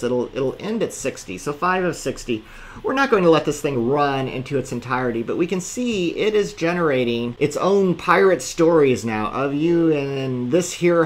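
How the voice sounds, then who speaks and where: A man teaching a course, walking through code step by step in a screencast lecture with dry asides. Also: fairly high pitch. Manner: methodical step-by-step walkthrough. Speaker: course instructor.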